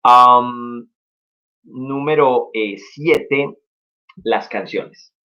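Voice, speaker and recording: A man's voice: medium pitch, drawn-out words, sharp tone. A young man teaching English in a casual live stream, upbeat and encouraging as he explains step by step. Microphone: live-stream mic. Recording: dull lo-fi stream audio.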